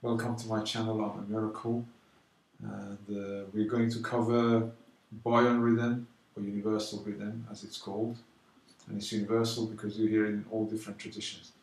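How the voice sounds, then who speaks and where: Brief: male drum teacher, low voice, calm explanations broken by loud slow counting, recorded from a distance with drum sounds behind him. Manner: counts beats aloud loudly and slowly between calm explanations. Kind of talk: casual drum lesson. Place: London. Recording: roomy echo, mic at a distance, drumming.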